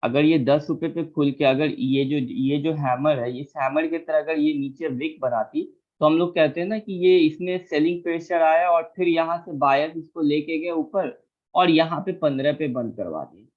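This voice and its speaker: A man's voice: fairly high pitch, normal speed. A man teaching a chart lesson, patient, repeating key terms and asking if anyone is confused. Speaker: trading teacher. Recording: tinny phone-like audio.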